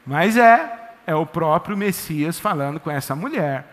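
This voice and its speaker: Lively preacher in echoey church. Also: male voice, a little high, a little slow. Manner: lively, conversational, jokey storytelling. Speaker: pastor. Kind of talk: sermon.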